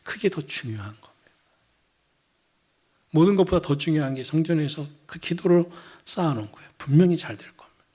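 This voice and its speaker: A middle-aged man preaching an evening church sermon as senior pastor, earnest, dropping to hushed lines and rising to loud emphatic ones. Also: a little high, expressive, fairly quick, pauses often, breathy edge.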